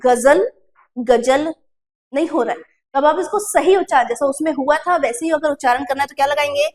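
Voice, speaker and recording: High-voiced woman teaching Hindi pronunciation. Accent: Chhattisgarh Hindi. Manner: explains step by step, asking and answering her own questions; slows to drawn-out pronunciation drills. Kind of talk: exam-prep classroom lesson.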